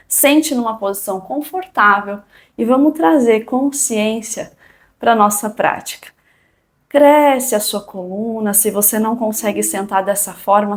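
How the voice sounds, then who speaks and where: A woman with a Brazilian accent leading a yoga and meditation class in a calm, gentle, soothing manner. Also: mid-range voice. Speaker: yoga instructor.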